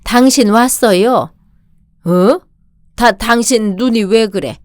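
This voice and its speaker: A woman's voice: fairly high pitch, slow, dry recording, studio quality. A woman voicing a meek, hurt mother-in-law in her sixties in a radio drama, pleading and self-pitying.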